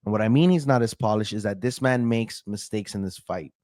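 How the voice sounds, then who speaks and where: Man, young adult, casual fight-picks host, animated, stumbles on names, dry close sound. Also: fairly low pitch, fairly quick, dry recording. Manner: chatty, animated, addresses viewers as guys; restarts and stumbles over names. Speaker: MMA fight predictions host.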